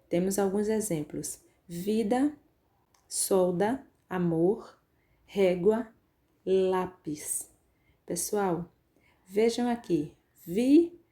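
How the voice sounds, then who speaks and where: A woman's voice: mid-range voice, warm tone. A woman teacher with a Brazilian Portuguese accent giving an online grammar lesson to young pupils, patiently spelling out syllables. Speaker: primary school teacher.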